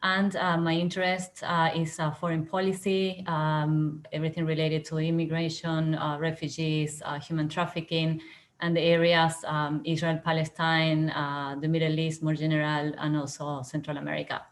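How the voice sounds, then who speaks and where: Argentinian-born woman, low flat voice, talks slowly with lots of ums on a group call. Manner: measured, many pauses and fillers. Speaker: graduate student. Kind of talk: self-introduction on a video call.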